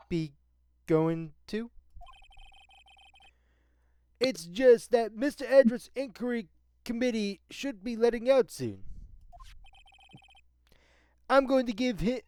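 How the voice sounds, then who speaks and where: Gumshoe, a player doing a gruff bumbling cop. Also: mid-range voice, animated, normal speed, warm tone, no room sound, close to an everyday voice. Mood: chummy, loyal. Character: gruff bumbling male police detective. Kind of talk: reading game dialogue aloud with friends.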